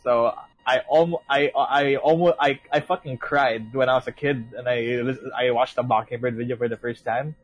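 Young guy host, husky voice, loose rambly talk, swears a lot. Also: mid-range voice, fairly even intonation, normal speed, dull audio. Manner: rambling, swears, many restarts and laughs. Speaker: podcast co-host. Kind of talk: casual chat.

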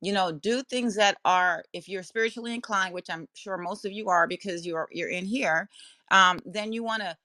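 A woman's voice: mid-range voice, moderate pace, pushed and bright, no echo. A woman hosting an astrology podcast with traces of a Jamaican accent, talking casually and rambling through her points with many restarts. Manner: rambling, self-interrupting, conversational. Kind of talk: casual spoken talk to listeners.

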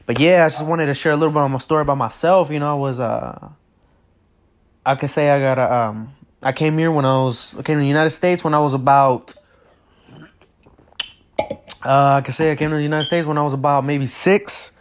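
A man's voice: on the high side, steady tone, fast talker. A teenage boy from Mexico hosting his first solo podcast episode, talking casually and nervously with lots of fillers and restarts, without a proper mic. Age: teens. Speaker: podcast host.

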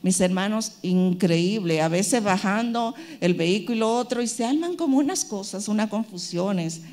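A woman's voice: mid-range voice, lively intonation, normal speed, a little mellow. Woman preaching an emphatic sermon. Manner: emphatic, repeats phrases, acts out quoted voices.

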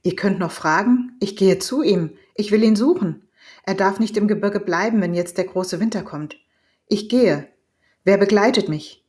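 A woman's voice: medium pitch, moderate pace, darkish tone, natural voice. A woman voicing a proud, hot-blooded male hunter and father in an audiobook reading, earnest and determined. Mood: urgent.

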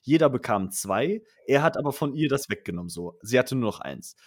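A man's voice: mid-range voice, a little fast, no room sound, clean studio sound. Slangy young man telling a story. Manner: slangy, animated storytelling with acted quotes. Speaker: storyteller in a chat. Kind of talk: casual chat.

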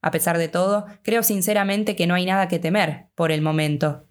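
Woman reading as a weary, gentle hobbit. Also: fairly low pitch, brisk, lightly acted. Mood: calm. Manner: calm and reassuring. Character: weary gentle young male hobbit leader.

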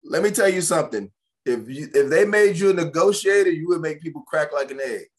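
Animated man giving advice in conversation. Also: fairly high pitch, brisk. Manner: animated, repetitive, restarts phrases, gives advice. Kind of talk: casual podcast conversation.

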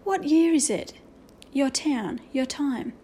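A woman voicing an anxious, earnest schoolboy who speaks in a hushed way. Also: sits high, slow pace. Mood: awed.

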